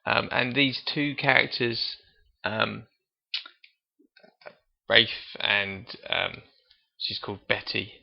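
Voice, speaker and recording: Man, gravelly voice, hesitant casual film chat, muffled lo-fi podcast sound. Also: lowish voice, takes it slowly. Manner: thoughtful, hesitant, chuckling. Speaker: podcast co-host. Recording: dull lo-fi podcast audio.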